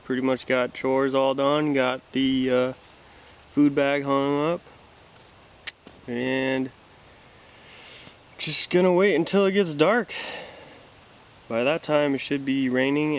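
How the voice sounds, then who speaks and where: A young man talking casually to the camera on a solo camping trip in a forest, relaxed and chatty, thinking out loud. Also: medium pitch, takes it slowly, pauses often, clean tone. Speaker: outdoor vlogger. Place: outdoors in a forest campsite. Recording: faint outdoor ambience behind.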